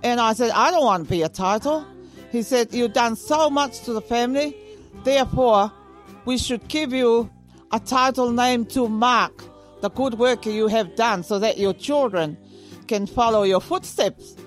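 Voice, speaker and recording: A woman in her eighties from Samoa, telling stories of her life in a relaxed interview and often repeating herself. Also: fairly high pitch, unhurried, faint music behind. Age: 80s. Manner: warm storytelling, repeats herself. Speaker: interview guest. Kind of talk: casual interview.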